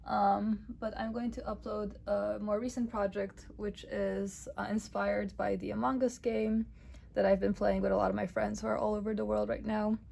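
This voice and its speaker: Slightly gravelly young woman giving a casual tour. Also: medium pitch, normal speed, rough recording. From Romania. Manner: relaxed, many "um" and "I guess" fillers. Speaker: startup cofounder and lead developer. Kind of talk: casual interview and office tour.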